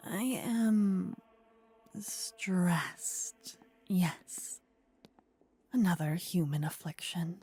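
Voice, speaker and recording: A woman performs a full character voice as a possessive, warlike demon queen for an intimate ASMR roleplay. Her lowish, mellow voice comes out as a breathy whisper, with phrasing that is measured, formal and regal.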